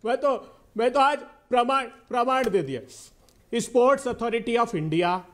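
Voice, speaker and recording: A man with a very high-pitched voice argues as a party spokesperson on a heated TV debate. He is insistent and speechifying, repeating phrases to push through interruptions. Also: a little slow. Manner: oratorical, addresses absent leader rhetorically.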